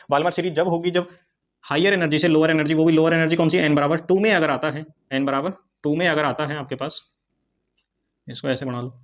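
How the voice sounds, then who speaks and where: Fast-talking chemistry teacher. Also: male voice, on the high side, lo-fi sound. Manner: repetitive call-and-response questioning; fast, chatty explaining with Hindi-English mix. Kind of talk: online classroom lecture.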